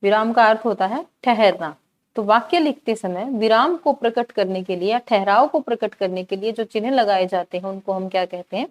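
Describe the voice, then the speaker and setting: This mid-range female voice belongs to a teacher running an exam-prep grammar lesson. She asks the class questions, supplies the answers on her own, and lingers slowly over important words.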